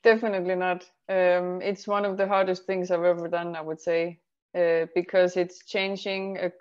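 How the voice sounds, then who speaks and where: A woman from Estonia, a career advisor answering interview questions in a measured way, explaining things step by step. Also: fairly low pitch, little pitch movement, clear, resonant tone. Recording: slightly muffled sound.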